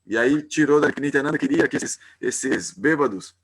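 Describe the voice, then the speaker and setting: A man's voice: mid-range voice, expressive, moderate pace. Man retelling a devotional story. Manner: informal, hesitant, with frequent restarts. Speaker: devotional class speaker.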